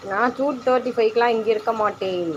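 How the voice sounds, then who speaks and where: A woman's voice: fast talker, dull audio. Lady chatting to her cats n viewers, lots of singsong coaxing, bit of background hiss. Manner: coaxing, high sing-song calls to her cats. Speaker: pet channel host. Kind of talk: casual chat to cats and live viewers.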